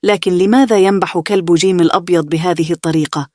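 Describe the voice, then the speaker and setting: A woman's voice: fairly low pitch, steady tone, fast, darkish tone, dry recording, clean studio sound, natural voice. A woman reading the part of a mocking older brother, a young man, in a bedtime story. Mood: scornful. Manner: sneering, scornful.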